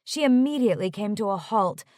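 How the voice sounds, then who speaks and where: A woman narrating an audiobook romance in a slow, expressive reading. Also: medium pitch, dry recording, clean studio sound. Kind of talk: scripted narration.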